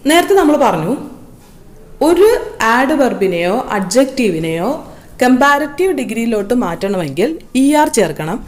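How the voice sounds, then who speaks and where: Malayali lady teacher, bit high voice, patient, explains every rule step by step. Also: darkish tone. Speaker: English grammar teacher. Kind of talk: slide-based grammar lesson.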